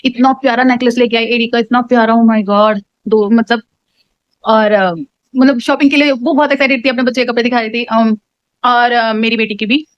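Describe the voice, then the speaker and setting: A young woman vlogging from home, telling a story in a chatty, animated way and dropping English words into her talk. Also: fairly high pitch, moderate pace, no room sound, muffled recording. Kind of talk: casual chatty vlog. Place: home, indoors.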